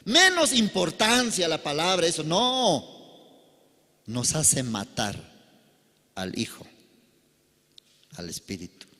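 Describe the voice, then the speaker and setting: Slow, animated preacher in a hall. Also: male voice, on the high side. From Bolivia. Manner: dramatic storytelling, with sudden loud outbursts and quiet drops. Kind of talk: sermon with a told parable. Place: church service.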